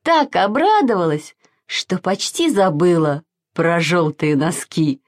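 A woman narrating a children's storybook in an expressive, sing-song way. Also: fairly low pitch, slow.

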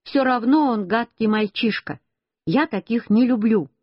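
Woman reading as a stern mother, scolding, reproachful, husky, muffled lo-fi sound. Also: fairly high pitch, expressive, a little slow, no room sound. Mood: cross. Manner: reproachful, firm. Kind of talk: storybook reading. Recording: dull lo-fi recording.

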